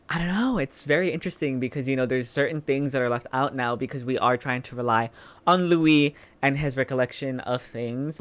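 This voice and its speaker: Clear-voiced man chatting casually, emphatic. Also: mid-range voice. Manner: informal, emphatic, repeating phrases for emphasis. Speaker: reaction video host. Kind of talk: casual chatty commentary on a TV show.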